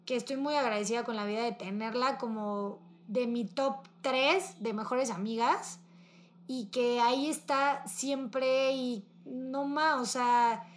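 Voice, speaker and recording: A young woman with a Mexican accent, talking casually and warmly about her best friend, heavy on slang and fillers. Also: on the high side, steady tone, takes it slowly. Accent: Mexican Spanish. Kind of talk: casual emotional chat with a friend.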